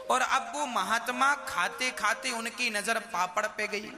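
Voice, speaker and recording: High-voiced man telling devotional stories. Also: slow. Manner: humorous folk storytelling, acts out characters. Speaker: religious storyteller. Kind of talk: devotional discourse with Sanskrit chanting. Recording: reverberant hall with music.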